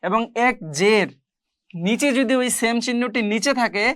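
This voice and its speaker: A woman teaching a beginner Quran reading lesson, explaining slowly and deliberately. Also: fairly high pitch, a bit bright, dry recording, clean studio sound. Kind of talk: online lesson.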